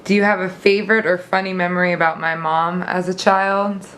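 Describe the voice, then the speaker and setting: Low-voiced young woman asking questions. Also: level tone, brisk, fairly bright tone. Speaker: interviewer, granddaughter. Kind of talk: casual family interview questions.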